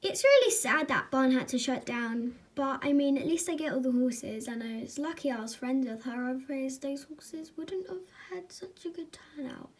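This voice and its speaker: Woman voicing an eager chatty girl rider, high bright voice, toy horse movie. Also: moderate pace, hardly any pauses, husky. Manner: excitable, chatty.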